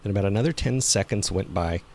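Playing a local jogger who stumbled on something terrifying in the woods, this man narrates scripted first-person horror in a very deep voice with a strong creak and a darkish tone. He keeps it measured and uneasy, building suspense over ambient sound effects.

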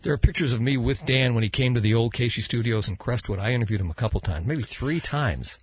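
Husky, dry-sounding American podcast host. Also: male voice, medium pitch, fast talker, dry recording. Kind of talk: casual chat. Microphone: close studio microphone.

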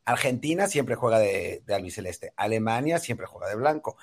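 Husky Mexican man talking football. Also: fairly low pitch, animated, normal speed. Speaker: sports panelist. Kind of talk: casual sports chat.

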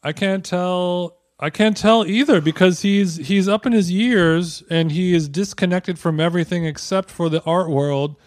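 A man co-hosting a podcast, chatting casually and telling rambling, animated stories full of "like". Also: high voice, moderate pace, few pauses, dry recording, studio quality. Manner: rambling, animated storytelling with many "like"s. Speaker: podcast co-host. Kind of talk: casual chat.

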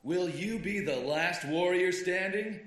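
A man voicing a booming male fighting-tournament announcer whose amplified voice echoes out over a crowd in grand, theatrical proclamations. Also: a little slow, background noise. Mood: grandiose. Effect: booming amplified announcer voice echoing over a crowd. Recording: game clip, echoey arena with crowd.

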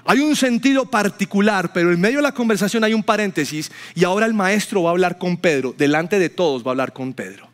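A high-voiced, animated pastor preaches to his congregation, talking fast with few pauses. His sermon is built on stories, and he acts out quoted people with a rising voice.

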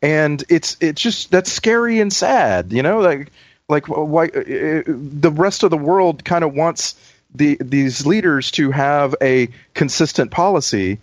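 A man's voice: on the high side, lively intonation, a little slow, no room sound. A man co-hosting a casual panel chat, stammering and restarting his sentences often. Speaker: podcast co-host.

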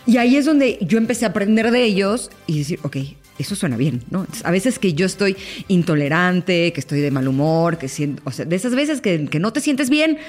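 Expressive woman, podcast guest. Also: brisk, soft background music. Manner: expressive, acts out quoted voices with sudden high exclamations. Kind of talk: casual podcast conversation.

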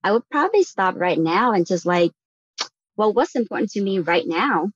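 Husky and medium-pitched with lively intonation, a woman from Vietnam reflects earnestly at a moderate pace as a real estate podcast guest, peppering her answer with "like" and "right?" There's no room sound, and the lo-fi audio is dull.

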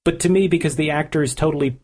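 A man's voice: a little high, fast talker, darkish tone. A man hosting an interview, asking long lead-in questions with eager interest. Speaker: interviewer, podcast host. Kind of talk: conversational interview.

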